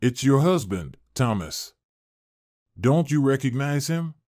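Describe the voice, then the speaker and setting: A man reading the part of a cheerful male doctor who speaks warmly and eagerly. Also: mid-range voice, big pitch swings, slow, dry recording, clean studio sound. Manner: warm and eager.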